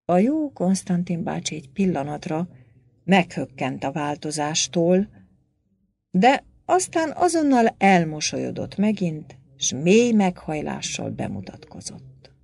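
A woman narrating an audiobook with animated, expressive storytelling. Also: lowish voice, creaky, breathy edge.

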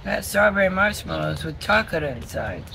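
Her voice is fairly low and gravelly, with lively intonation and a moderate pace, as this middle-aged woman chats and laughs through a camping vlog by a tent in her backyard. Noise fills the background; a camera on a stand captures her from a distance before she switches to a phone at arm's length.

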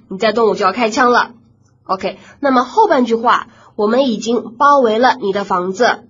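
A woman's voice: on the high side, a bit bright, slightly rough. Patient woman teaching vocabulary. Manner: patient, explains slowly, repeats words for drill. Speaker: English teacher. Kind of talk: recorded vocabulary lesson. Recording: slightly dull lo-fi recording.

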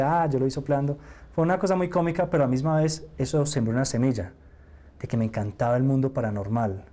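A man's voice: mid-range voice, warm tone. A young man from Nicaragua giving casual, reflective interview answers on a TV studio set. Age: young adult. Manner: casual, reflective, with fillers and restarts. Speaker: mentalist interviewee.

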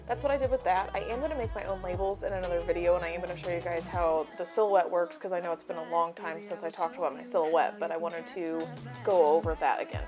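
A woman's voice: on the low side, steady tone, quick pace, music in the background. A woman in her thirties chatting casually to her phone camera in a small apartment, rambling with many ums and likes and laughing easily. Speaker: vlogger. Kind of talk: casual clean-with-me vlog chat. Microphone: phone camera held at arm's length.

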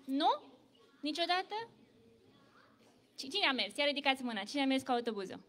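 A woman telling a story to children at church, lively and full of questions for the kids. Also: sits high, big-room sound. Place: church hall.

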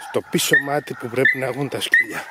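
Out in the fields, a man with a medium-pitched voice trains hunting dogs, calling to them and methodically explaining each step. It's instructive commentary over training footage, with heavy background noise.

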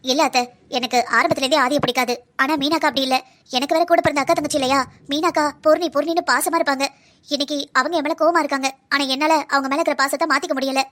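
A woman's voice: high voice, steady tone, fast. A young woman voicing a patient, hurt pregnant wife in a cartoon drama, speaking earnestly. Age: young adult. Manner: soft, earnest pleading.

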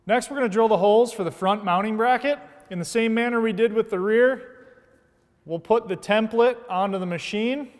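High-voiced man explaining an install step by step. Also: long reverb tail. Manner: steady, methodical step-by-step explaining. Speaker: product installation instructor. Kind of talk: scripted how-to narration. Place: large indoor workshop studio.

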